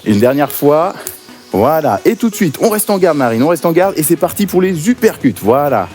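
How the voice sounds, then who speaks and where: An energetic male fitness coach calls out punches and counts with lively swings in pitch. His tone is dark and mellow, and faint music plays behind him. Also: moderate pace. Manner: energetic, encouraging counting and cues. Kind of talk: guided workout class.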